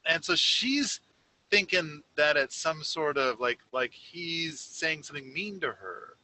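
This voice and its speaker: Bright-voiced man, casual rambling podcast chat. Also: a little high, lively intonation, unhurried, a little hiss or hum, poor audio. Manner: rambling, many restarts and fillers. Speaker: podcast co-host. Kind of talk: casual conversation.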